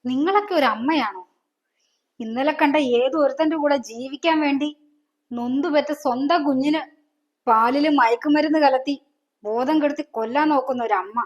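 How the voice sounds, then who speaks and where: Woman doing a hurt student daughter, accusing, high voice, kinda muffled recording. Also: normal speed, close to an everyday voice. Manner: accusing, reproachful questioning. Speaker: actor. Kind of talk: family drama acting. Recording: dull lo-fi sound.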